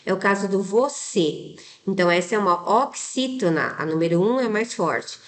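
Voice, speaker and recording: A woman's voice: mid-range voice, lively intonation, normal speed. A woman from Brazil, an exam prep teacher, going through test answers step by step and checking often that her students follow. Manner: didactic, many tag questions, spells out rules step by step.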